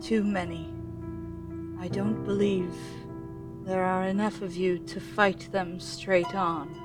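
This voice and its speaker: A woman voicing an unearthly undead elven spirit in a tabletop game, grave, halting and pleading. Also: fairly low pitch, flat delivery, far from the mic, music in the background, voice pushed down. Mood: grave, urgent.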